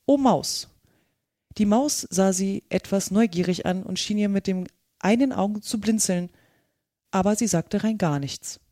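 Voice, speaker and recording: A woman reading a storybook aloud in a calm, measured narration. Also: medium pitch, dry recording. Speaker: audiobook narrator. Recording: dry close recording.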